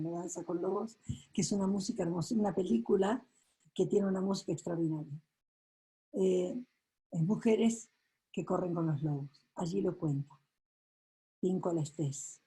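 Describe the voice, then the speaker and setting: A woman coach, telling a story to her audience with a soft, slow delivery. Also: mid-range voice, slightly rough, low-quality recording.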